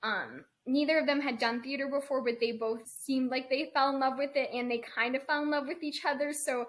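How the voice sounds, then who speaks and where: A woman's voice: sits high, steady tone, brisk, fairly bright tone. A woman in her early twenties co-hosting a podcast, chatting casually with playful, teasing banter. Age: early 20s. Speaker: podcast co-host. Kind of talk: casual chat.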